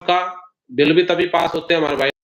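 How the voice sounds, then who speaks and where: A man's voice: fairly high pitch, fairly even intonation, a little fast, slight background noise. A man speaking earnestly as a guest over a live call while his voice breaks up and drops out on a weak connection. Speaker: guest on a live talk show. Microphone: phone or online call. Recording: muffled lo-fi call line with dropouts.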